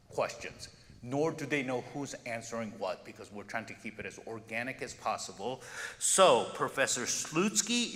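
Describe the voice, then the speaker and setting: A man's voice: mid-range voice, a bit bright. A man hosting a forum, addressing the audience informally in an emphatic, chatty way. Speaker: festival director and forum host. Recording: echoey hall, long reverb, background noise.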